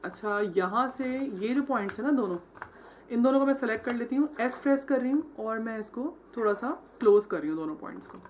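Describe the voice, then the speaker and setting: A woman with a slightly high, expressive, darkish voice moves fairly quickly through a screen-recorded logo design tutorial, with slight background noise. As a design tutor, she switches between Hindi and English terms, checking in with "theek hai" after every step.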